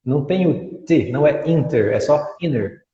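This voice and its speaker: A man's voice: a little high, expressive, moderate pace, mellow. Man explaining in an echoey room. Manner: explains patiently, models pronunciations with examples. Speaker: English teacher. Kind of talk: explanatory interview talk. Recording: dull audio in an echoey room with long reverb.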